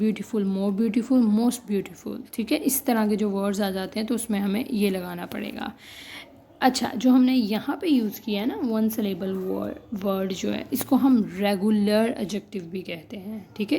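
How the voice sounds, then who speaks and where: Young female grammar teacher, unhurried, slight vocal fry, keeps checking students follow, spells out suffixes. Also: medium pitch. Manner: checks in constantly with "ठीक है?", spells out word endings letter by letter; addresses students as "बेटा", gently reassuring. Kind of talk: classroom-style grammar lesson mixing Hindi and English.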